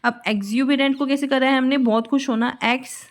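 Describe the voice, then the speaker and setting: A woman's voice: high voice, fairly even intonation, a little fast. A woman teaching vocabulary, explaining words with memory tricks and spelling them out patiently.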